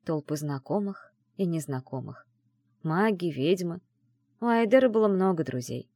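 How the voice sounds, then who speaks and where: A woman narrating a first-person fantasy story in an expressive storytelling manner. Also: fairly low pitch, normal speed, creaky, dry recording, studio quality. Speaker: audiobook narrator.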